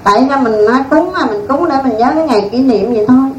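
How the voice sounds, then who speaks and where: This nun's dharma talk is folksy, animated storytelling punctuated by laughter. She talks fast in a high voice, and the sound is lo-fi, captured from a distance in an echoey room with faint noise.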